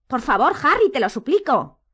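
A bright, raised voice talks quickly and urgently: a woman playing a clever, bossy teenage girl from a storybook. She pleads, insists and lays out plans with nervous energy. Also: fairly high pitch, animated, pitched above the performer's own voice, natural voice.

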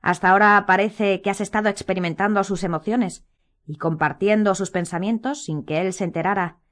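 A woman voicing a cold, stern male wizard teacher in an audiobook, speaking slowly and measuring each word. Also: mid-range voice, fairly bright tone, lightly acted. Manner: slow and measured, icy.

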